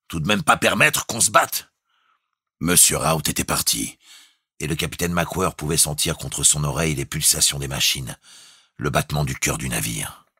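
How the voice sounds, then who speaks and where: A man narrating a classic novel in measured, expressive storytelling. His voice sits very low with a gravelly fry and a husky grain, and the recording is dry and close. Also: no room sound. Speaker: audiobook reader. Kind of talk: literary audiobook narration.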